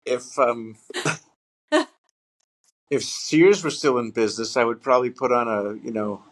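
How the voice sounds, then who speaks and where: A man co-hosting a casual podcast chat, talking in halting bursts with many fillers and restarts, laughing as he tells a story. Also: medium pitch. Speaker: podcast co-host.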